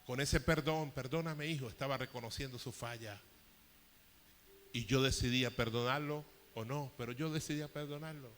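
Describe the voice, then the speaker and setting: A man's voice: medium pitch, moderate pace, fairly bright tone, slight background noise. A man in his fifties preaching a sermon as a pastor, telling a personal story with emotion and rising intensity. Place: church hall. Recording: long hall reverb.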